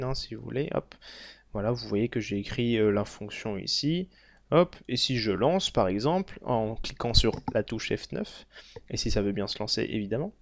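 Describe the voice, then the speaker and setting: Halting young man explaining code. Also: mid-range voice, no room sound. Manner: halting, many fillers and self-corrections. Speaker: programming tutor. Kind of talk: screen-recorded coding tutorial.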